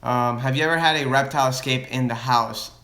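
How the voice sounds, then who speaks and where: A man from Florida answers viewer questions about his reptile business on a casual livestream, rambling with many restarts and switching between Spanish and English. His medium-pitched voice is steady and sharp, a little fast, in an echoey room.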